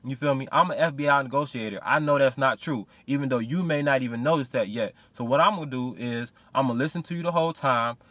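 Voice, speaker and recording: A man giving reaction commentary on a clip in an excited, street-casual way, filling his talk with "you feel me" and "bro". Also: mid-range voice, fast, hardly any pauses, no room sound. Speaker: video commentator.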